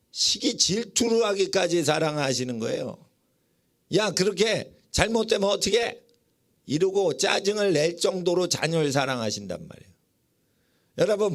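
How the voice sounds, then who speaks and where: A male pastor preaching in a church with a fairly high voice. He is emphatic and keeps throwing questions at the congregation, then answers them himself. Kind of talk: sermon. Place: church sanctuary.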